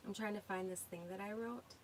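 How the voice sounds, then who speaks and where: A woman's voice: medium pitch, fairly even intonation, a little fast, low-quality recording. A woman with a Minnesota accent hosting a casual livestream, reading viewer comments and thinking aloud as she searches for things. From United States. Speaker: livestream host. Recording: faint background noise.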